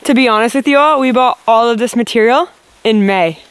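A woman's voice: fairly high pitch, brisk, clear, resonant tone. Chatty woman vlogging outdoors. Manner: chatty, laughs often, talks to viewers. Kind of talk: casual vlog narration. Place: outdoors in a wooded yard. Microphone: handheld camera at arm's length.

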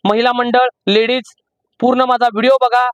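A man with a Marathi accent teaching driving from inside a parked car, explaining slowly and repeating each step. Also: very high-pitched, little pitch movement, clear, resonant tone, no room sound, lo-fi sound. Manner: repetitive, slow emphatic teaching. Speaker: driving instructor. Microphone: camera in the car.

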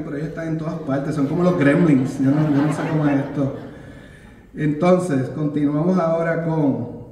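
A man's voice: on the high side, darkish tone, a little hiss or hum. A Puerto Rican man casually announcing a cast to a live crowd, joking and teasing as he goes, mixing in English words. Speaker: producer presenting a musical's cast. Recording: echoey hall with long reverb.

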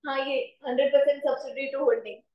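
A woman commerce teacher giving a classroom lecture with an Indian accent, slowly dictating notes and asking her students questions. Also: sits high, steady tone, roomy sound, highs cut off. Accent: Indian English mixed with Hindi.

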